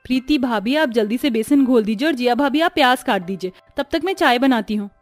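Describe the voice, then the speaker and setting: A woman voicing a sweet, dutiful young sister-in-law in a cartoon story, gentle and obliging. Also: a little high, animated, fairly quick, dry recording, soft background music, lightly acted.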